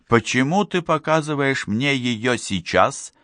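A man reading the part of a wary, skeptical young woman in an audiobook, voicing her sharp, doubting questions. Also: medium pitch, lively intonation, measured pace, dry recording, studio quality, pitched above the performer's own voice. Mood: puzzled.

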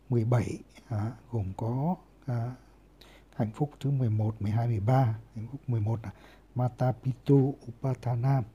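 A male monk teaching scripture in a very dark, mellow voice with a husky, breathy edge. He moves slowly through each term, pausing often on fillers and carefully sounding out the foreign words before explaining them. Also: medium pitch. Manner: unhurried, many filler pauses, carefully sounds out foreign terms. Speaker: Buddhist monk teaching Pali. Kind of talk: word-by-word scripture lesson.

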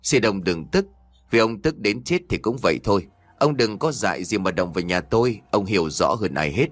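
A man voicing a calm male servant delivering a warning in a spoken story. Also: lowish voice, normal speed, dry recording. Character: cool threatening male servant.

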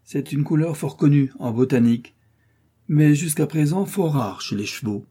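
A calm, insolent gentleman who mocks with an ironic, unhurried drawl, as a male narrator puts him on. The voice stays mellow and slightly husky. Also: mid-range voice, natural voice. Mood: ironic, disdainful.

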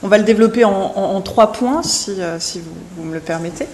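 A woman's voice: medium pitch, a little fast, a crowd in the background. Hesitant woman lecturing in an echoey room. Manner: hesitant, many fillers and restarts; speaking loudly for a remote listener. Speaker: seminar presenter. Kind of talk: academic seminar introduction.

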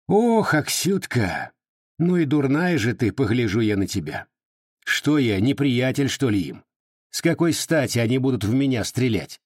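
A man voicing a sly, nosy old village widow in an audiobook, with folksy, mocking peasant speech and a husky tone. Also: mid-range voice, expressive, normal speed, no echo, clean studio sound, pitched above the performer's own voice, lightly acted. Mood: scolding mockery. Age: over 60.

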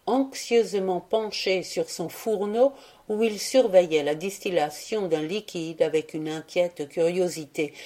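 A woman narrates a classic story for an audiobook in a steady, measured way. Her voice sits on the low side, mellow and warm rather than bright. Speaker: audiobook reader. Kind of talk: scripted narration of a classic tale.

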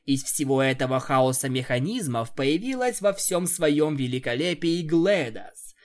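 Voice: mid-range voice, lively intonation, a little slow. Plain-voiced fan-story reader. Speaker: audiobook reader. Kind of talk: reading a first-person fan story aloud.

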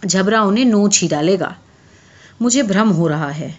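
Here a woman puts on a weary peasant farmer in a spoken story, a man worn down by cold and work. He grumbles low and only raises his voice to shout. The audio is dull and lo-fi. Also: lively intonation, close to an everyday voice. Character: worn-out poor male farmer on a cold night.

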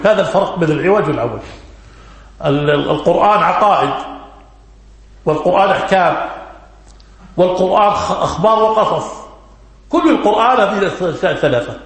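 A man giving a religious lesson, answering questions, repeating key words and quizzing his listeners. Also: high-pitched. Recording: very echoey room.

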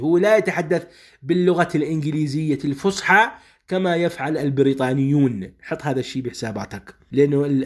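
A man with a Syrian Arabic accent gives an explanatory talk with a slightly high voice. He goes over each point more than once and turns often to the listener to keep their attention. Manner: explains slowly, repeats points, addresses the listener directly. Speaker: founder of a publishing house, presenter.

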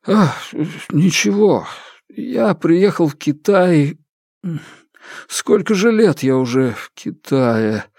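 A man's voice: on the high side, big pitch swings, darkish tone, no echo, studio quality, voice pushed up, full character voice. A man voicing a big, sentimental foreign pastor who turns wistful and sometimes blusters. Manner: slow, wistful, flares into blustering.

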